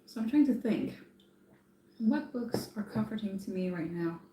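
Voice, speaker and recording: Recorded in an echoey room with a bit of hiss or hum, a French-raised woman chats on a live stream in an expressive, mellow, mid-range voice. She thinks out loud casually, with lots of pauses and fillers.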